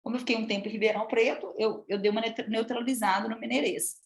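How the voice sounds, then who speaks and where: A woman from Minas Gerais with a Minas Gerais accent, a public speaking coach giving a lively, chatty live talk and addressing the audience often. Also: on the high side, quick pace, creaky, echoey room. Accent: Minas Gerais Portuguese. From Minas Gerais, Brazil. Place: room with an audience.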